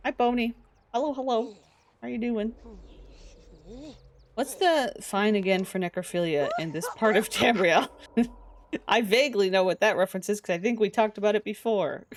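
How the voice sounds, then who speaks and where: A woman's voice: mid-range voice, normal speed, long pauses, a little hiss or hum. A woman live-streaming a life-simulation game, chatting casually to viewers and to the characters on screen. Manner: chatty, talks to game characters, giggly asides. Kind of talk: casual live gameplay commentary.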